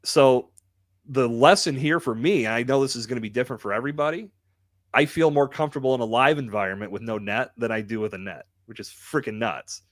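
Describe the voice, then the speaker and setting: Into a close microphone, a man hosting a live podcast talks fairly quickly at medium pitch, candid and emphatic in colloquial conversation. No room sound is audible.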